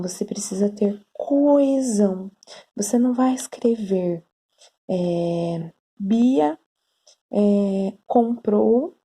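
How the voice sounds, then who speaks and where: A woman's voice: medium pitch, mellow, husky. A woman teacher giving a patient online lesson on writing, checking in often with her students. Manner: slow, patient explaining with frequent "tá?" and "né?".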